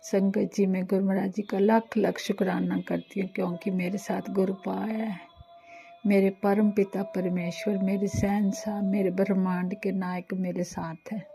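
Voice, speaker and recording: Older woman, devotional testimony, flat gravelly delivery, slow and devout. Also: mid-range voice, soft background music. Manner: slow, devout, repeats thanks.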